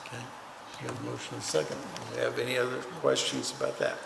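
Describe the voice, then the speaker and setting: A man's voice: medium pitch, level tone, quick pace, vocal fry. A man presiding over a county court meeting, reading agenda items in a plain businesslike way. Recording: echoey chamber with long reverb and faint noise.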